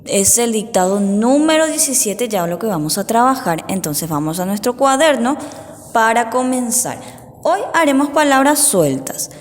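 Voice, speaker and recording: A woman teaching young children, dictating words and sounding out each syllable slowly and clearly, giving patient step-by-step instructions. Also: a little high, lively intonation. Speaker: primary school teacher. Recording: roomy, reverberant echo.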